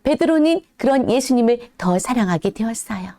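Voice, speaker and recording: A woman as a children's church teacher, telling a Bible story to toddlers in a gentle, animated way. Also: a little high, moderate pace, dry recording, studio quality.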